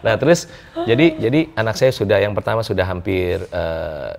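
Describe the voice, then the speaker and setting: A man, a business coach telling personal stories in a casual interview, lively and joking, chuckling often and mixing in English words. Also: lowish voice, normal speed, gravelly, a loud crowd. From Indonesia.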